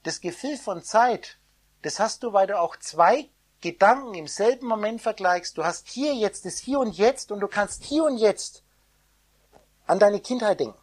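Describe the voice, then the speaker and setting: A woman giving an esoteric sermon, preaching in the first person as God, her loudness swinging between soft and loud. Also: mid-range voice, expressive, moderate pace. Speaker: spiritual teacher.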